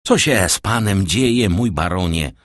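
A man voicing an indignant aging king who gives commands and sharp rebukes in an audiobook reading. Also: on the low side, lively intonation, moderate pace, dry recording, studio quality, voice pushed up. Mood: commanding. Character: indignant aging king, imperious and quick to anger.

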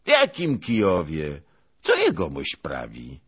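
A man voicing a chubby, excitable young male servant in an audiobook. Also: extremely low pitch, unhurried, breathy edge, exaggerated voice. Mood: frantic. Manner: excited, exclaiming.

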